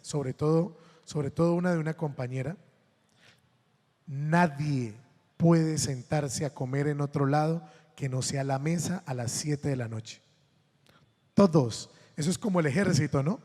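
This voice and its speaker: With a fairly high but dark-toned voice, a Colombian man preaches a sermon, playing out the quoted voices in his amusing anecdotes. The recording has a big-room sound.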